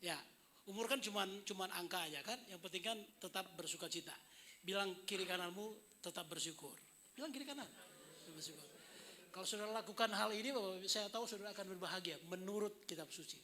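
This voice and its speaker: A man's voice: sits high, fairly quick, pushed and bright. A man in his fifties preaching a thanksgiving sermon in a chatty, joking way, often calling out to the congregation. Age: 50s. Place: indoor service hall.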